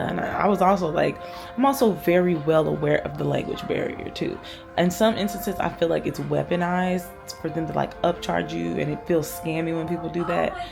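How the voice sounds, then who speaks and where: A woman's voice: lowish voice, vocal fry. A young woman vlogging about her trip, casually retelling a frustrating restaurant run-in and acting out both sides of the conversation. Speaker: travel vlogger. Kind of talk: casual storytelling vlog.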